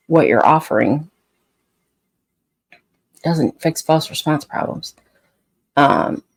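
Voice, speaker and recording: A woman's voice: deep voice, no echo. A woman dog trainer in casual, unscripted talk, blunt and frustrated, rambling with frequent restarts. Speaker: scent work dog trainer.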